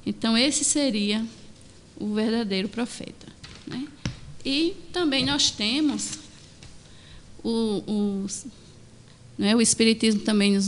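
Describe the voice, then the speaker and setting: A woman speaking as a radio guest, explaining religious teaching and tagging almost every phrase with a questioning "né?". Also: fairly high pitch. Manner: tags nearly every phrase with "né?". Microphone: studio microphone.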